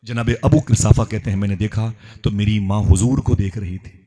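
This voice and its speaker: A man's voice: fairly low pitch, steady tone, brisk, background noise. A male preacher telling a story in an impassioned sermon, chanting verses in a rhythm and urging the crowd to respond.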